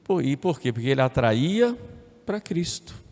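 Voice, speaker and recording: A man's voice: medium pitch, sing-song, normal speed, darkish tone. A male priest delivering a homily in a conversational sermon style, repeating phrases and adding tag questions as he speaks. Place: church. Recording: echoey church with long reverb.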